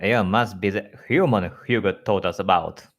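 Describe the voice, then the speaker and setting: A man reading out pony characters' lines in a louder, animated voice for an audio fanfic. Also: low voice, moderate pace, slight background noise. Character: various pony characters, male and female.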